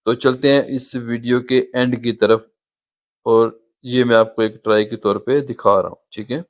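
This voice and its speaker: In a mid-range voice with fairly even intonation, a man talks at a moderate pace while guiding viewers step by step through an app. He is a YouTube tutorial host who patiently points things out on the screen, recorded on a phone.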